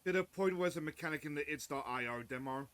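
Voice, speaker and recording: A man's voice: fairly high pitch, fast talker, fairly bright tone. A man in a casual chat about games, laid-back and saying "like" often. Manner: laid-back, heavy use of "like".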